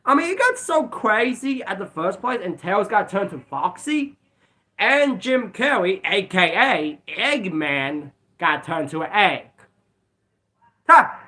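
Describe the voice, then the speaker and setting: A man with a high, bright voice chats through a casual episode review vlog. His pitch swings widely as he rambles and repeats himself, stopping now and then to cough. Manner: rambling, repeats "let's be honest". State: bouts of coughing. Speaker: video reviewer.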